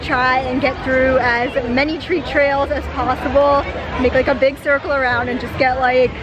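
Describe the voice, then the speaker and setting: Young woman vlogger, high excited chatter, camera at arm's length, loud music and crowd behind. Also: normal speed, dull audio. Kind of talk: casual vlog. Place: outdoor theme park at night. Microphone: handheld camera at arm's length. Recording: theme park music and crowd noise.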